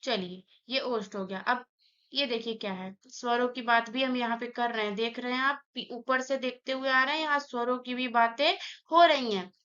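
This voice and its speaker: A woman's voice: on the high side, steady tone, normal speed, bright, forceful tone, muffled recording. A woman teaching an online grammar lesson, saying sounds aloud one by one and explaining each step.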